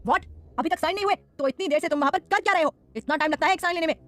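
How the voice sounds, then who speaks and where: A woman's voice: a little high, fast talker, natural voice. A woman voicing an angry, short-tempered young husband who snaps harshly in an audio story. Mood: furious. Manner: shouting, harsh.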